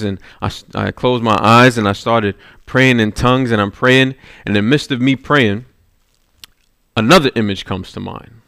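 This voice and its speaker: A man's voice: fairly low pitch, creaky, a bit bright, clear, resonant tone, no echo, clean studio sound. A man preaching a sermon, telling a personal story and checking in with the congregation as he goes, often with "right?". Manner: storytelling, with rising intensity and repeated "right?".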